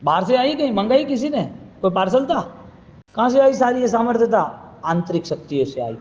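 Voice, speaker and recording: A man's voice: extremely high pitch, big pitch swings, normal speed, darkish tone, big-room sound, lo-fi sound. A man giving a sermon as a Jain preacher, asking repeated questions and telling stories to make his point. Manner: questioning, repetitive, storytelling delivery.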